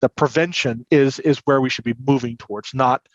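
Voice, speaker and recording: Speaking briskly with a medium pitch and a steady tone, a man guests on a podcast as a credit union compliance and recovery manager. He's an earnest, conversational expert interviewee, captured on muffled audio with a roomy feel.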